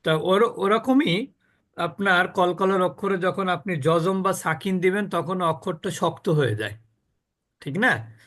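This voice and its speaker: A man teaching a class on recitation rules. He explains patiently with everyday examples, often checks that his students follow, and repeats words slowly to demonstrate pronunciation. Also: high-pitched, a bit bright.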